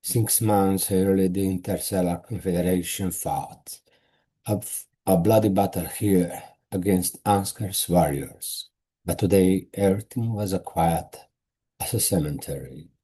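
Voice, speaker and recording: Slow deep-voiced Croatian man reading. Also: mellow, slightly rough. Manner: slow careful non-native reading with restarts. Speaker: author. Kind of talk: reading his own novel aloud.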